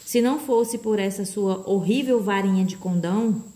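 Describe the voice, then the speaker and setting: A man's voice: high voice, close to an everyday voice. A woman voicing a sly, honey-voiced faceless man. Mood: smug. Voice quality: soft, wheedling whisper. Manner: slow, honeyed persuasion. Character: sly faceless man, soft scheming coaxer.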